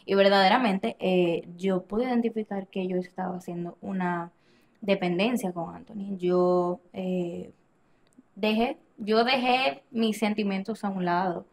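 An animated woman speaking as a podcast guest, recounting a personal experience in a relaxed, conversational way. She tends to act out the lines she quotes, and she often restarts her sentences mid-thought. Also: medium pitch, unhurried. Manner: animated, acts out quoted dialogue, frequent restarts and laughs. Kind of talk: personal storytelling in casual conversation.

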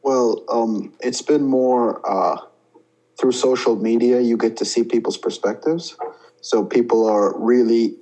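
A man's voice: medium pitch, steady tone, a little slow, dark tone, poor audio. A young man from India, a student guest, talking thoughtfully with fillers and restarts. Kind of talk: casual interview talk.

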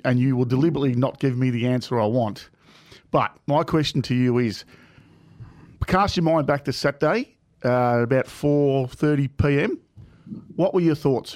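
A man's voice: mid-range voice, darkish tone, no echo, clean studio sound. A man with an Australian accent chatting casually as a panellist on a sports show. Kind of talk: casual chat.

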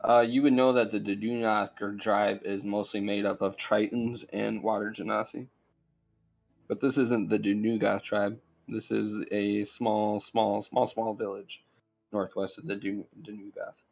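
A man running a tabletop game as game master, in a relaxed, dry way. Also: lowish voice, a little slow, gravelly, faint music behind. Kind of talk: casual tabletop game narration.

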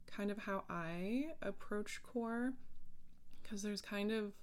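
This woman hosts a solo podcast, chatting casually and rambling, often interrupting herself and leaning heavily on filler words. She speaks slowly in a clean, medium-pitched voice.

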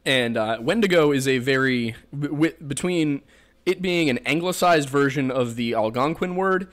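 A man's voice: medium pitch, normal speed, a bit bright. A man with a Pennsylvania accent hosting a casual podcast, rambling and joking as he explains folklore with plenty of fillers. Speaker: podcast host.

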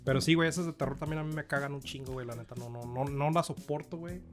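Mexican guy talking fast and swearing a lot, higher voice. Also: fairly even intonation, faint music behind. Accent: Mexican Spanish. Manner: fast, crude slang-heavy banter. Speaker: podcast co-host. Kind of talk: casual chat.

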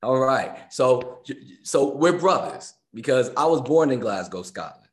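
An American man of about fifty, a personal trainer and musician, chats casually as an interview guest. He's talkative and repeats phrases for emphasis, speaking a little slowly in a mid-range voice with lively intonation.

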